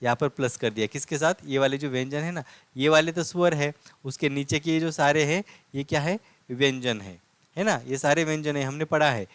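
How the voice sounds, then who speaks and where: A man's voice: fairly high pitch, a little fast, fairly bright tone, no echo. A man teaching a language lesson, patiently repeating points and answering his own questions. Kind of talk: classroom lesson explaining script.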